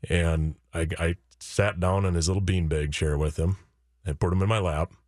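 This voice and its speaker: Low-voiced man telling a personal story. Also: steady tone, moderate pace, a little mellow, no echo, studio quality. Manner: earnest, quotes himself and his kids, many restarts. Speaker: author and guest. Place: radio studio.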